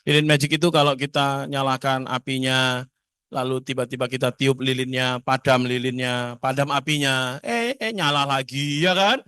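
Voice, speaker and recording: A man giving a lively seminar talk to parents, often asking the audience questions. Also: medium pitch, normal speed, clean tone, no room sound. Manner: animated, asks the audience questions.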